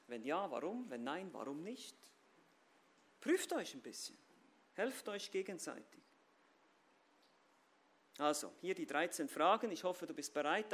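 A man with a high voice delivers a sermon and speaks directly to his listeners. His delivery is emphatic, with loud stressed phrases broken by low, quiet asides. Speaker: preacher.

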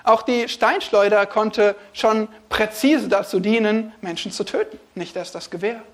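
Expressive man preaching a sermon. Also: high-pitched, a little slow. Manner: expressive, swings between hushed and emphatic.

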